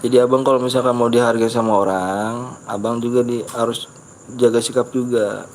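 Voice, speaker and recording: Male streamer, Betawi Jakarta accent, average pitch, casual and talkative, polite lecturing tone, faint night insects in the background. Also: steady tone, fairly quick, a little hiss or hum. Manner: chatty, reads viewer comments aloud, lectures rude viewers on politeness. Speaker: live game streamer. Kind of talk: casual live stream chat.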